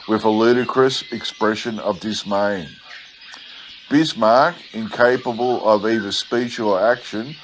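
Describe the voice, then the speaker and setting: Male, low-pitched, laconic drawl, slow scripted story narration, birdsong and noise behind. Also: poor audio. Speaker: audiobook reader. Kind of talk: scripted narration of an old bush adventure story. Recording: clear steady background noise.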